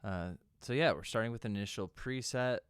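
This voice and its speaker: A young man with a deep, smooth voice walks through a software synth tutorial. His talk is loose and conversational, full of small fillers. The sound is close and dry, with no room echo. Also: brisk. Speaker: music producer teaching synth sound design.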